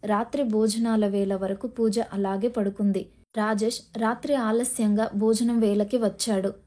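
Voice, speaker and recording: A woman narrating a family drama audiobook, reading in a measured, even way. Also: medium pitch. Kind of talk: scripted storybook narration.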